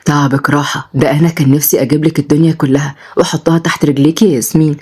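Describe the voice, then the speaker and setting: A woman's voice: low voice, fairly even intonation, racing, darkish tone, slightly rough, voice pushed down. Woman doing an irritated young Egyptian man. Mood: annoyed. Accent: Egyptian Arabic. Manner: irritated, blunt. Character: jealous protective young grandson.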